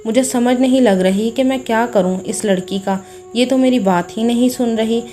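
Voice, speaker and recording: A woman's voice: fairly high pitch, normal speed, faint music behind, close to an everyday voice. A woman voicing a harsh, scheming mother-in-law who talks with scorn, in a storybook tale. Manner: scornful, sharp-tongued.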